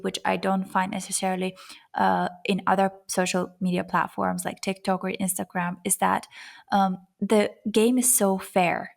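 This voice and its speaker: A woman speaks as an interview guest. Her mid-pitched voice has a creaky edge and fairly level intonation, and she explains her points earnestly in a conversational way. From Azerbaijan. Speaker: interview guest, YouTuber and etiquette coach.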